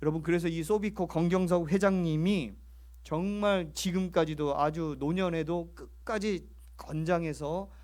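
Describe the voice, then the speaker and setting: A man preaching a sermon as pastor, telling a story with lively emphasis and speaking straight to the congregation. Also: fairly high pitch, unhurried. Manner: animated storytelling preacher, addresses the congregation directly. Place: church.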